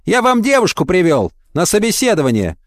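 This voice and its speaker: A man's voice: high-pitched, wildly swooping pitch, a little fast, no room sound, clean studio sound, pitched above the performer's own voice. A man voicing a kindly, fussy old watchman who chatters and exclaims.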